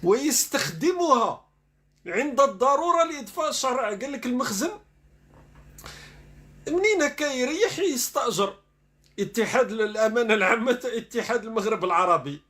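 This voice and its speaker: A man's voice: extremely high pitch, fairly bright tone. A man giving sarcastic online commentary, reading news dispatches aloud and then mocking them.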